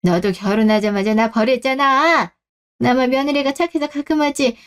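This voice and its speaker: Woman doing a stern older mother, scolding, firm, slightly high voice. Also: normal speed, clean tone, close to an everyday voice. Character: stern older mother, fed up with her son. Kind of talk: Korean radio drama acting.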